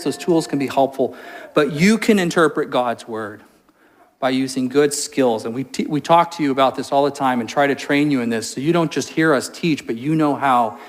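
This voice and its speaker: Animated storytelling preacher man. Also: on the high side. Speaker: pastor. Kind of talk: sermon.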